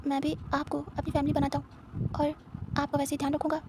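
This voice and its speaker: A woman's voice: sits high, monotone, a little fast, background noise. A woman voicing a shy, caring young man who talks earnestly and stammers when nervous.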